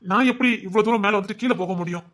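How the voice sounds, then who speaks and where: Male storyteller with a high-pitched voice who voices all the parts of a dramatic audio story. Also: rapid-fire, fairly bright tone. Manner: wondering, questioning, then conversational dialogue.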